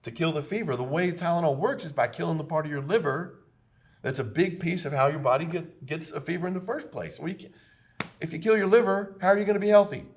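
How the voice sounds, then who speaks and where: A Texas man in his fifties, a chiropractor, hosts a casual health podcast with a fast, somewhat high voice. He speaks emphatically and preachily, often repeating himself.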